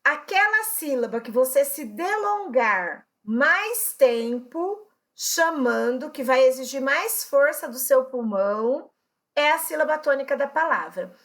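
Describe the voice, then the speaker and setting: A woman teacher takes her students through a grammar lesson with a high voice. She talks slowly and patiently, pausing to check that everyone is following. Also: expressive, fairly bright tone. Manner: patient, explains step by step, checks in with "tá?"; addresses students as brothers and sisters. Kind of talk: recorded Portuguese grammar lesson.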